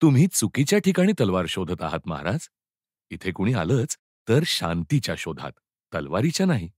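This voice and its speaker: Man voicing a calm gentle Buddhist monk. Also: low voice, normal speed, slightly rough, no room sound, clean studio sound, full character voice. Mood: serene. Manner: soft, calm, courteous. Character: serene old Buddhist monk, gentle, welcoming.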